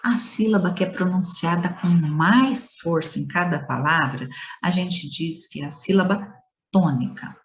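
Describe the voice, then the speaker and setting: A woman teaches schoolchildren in a low, measured voice. She talks slowly and playfully, drawing out words and hitting the stressed syllable of each example. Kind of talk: scripted lesson to schoolchildren.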